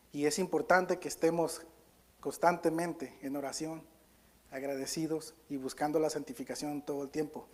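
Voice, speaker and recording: A pastor delivers a sermon in a fairly high male voice. He is earnest and a little halting, often stopping to correct himself. When he reads scripture aloud, he leans hard on the key words. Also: a little mellow. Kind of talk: Spanish-language sermon with Bible reading.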